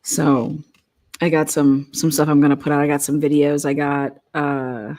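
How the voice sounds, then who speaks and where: Female livestream host, low-pitched voice, casual commentary, brash and excitable with plenty of swearing. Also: normal speed.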